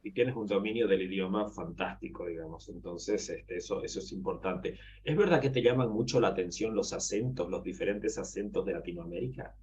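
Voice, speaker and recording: A man hosting an interview, speaking haltingly and often restarting his phrases. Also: sits low, darkish tone. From Bolivia. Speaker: interview host. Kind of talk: casual interview. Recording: dull lo-fi audio.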